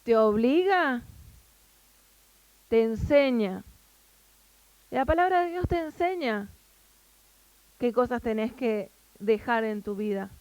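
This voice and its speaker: A woman's voice: a little high, expressive, slow, pauses often, darkish tone, no echo. A woman with a Rioplatense Spanish accent gives a Bible teaching at a women's meeting, explaining word by word and asking her listeners questions. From Argentina.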